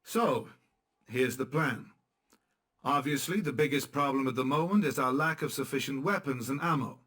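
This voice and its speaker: In this video game cutscene, an actor voices a guerrilla commander briefing his men with blunt, dry sarcasm and a matter-of-fact delivery. His voice is medium-pitched, a bit bright and close to everyday speech, at a normal speed.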